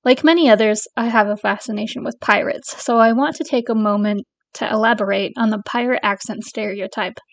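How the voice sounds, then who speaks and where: Woman host with a bright, dry voice. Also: a little high, a little fast, vocal fry, hardly any pauses, no echo. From northern England. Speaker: podcast host. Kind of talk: scripted podcast narration.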